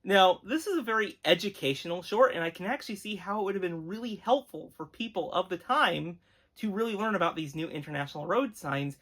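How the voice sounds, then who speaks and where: Speaking directly to viewers, a show host offers appreciative, conversational commentary in an enthusiastic retro cartoon review. The delivery is earnest and emphatic, animated and brisk, in a medium-pitched voice with a slight brightness.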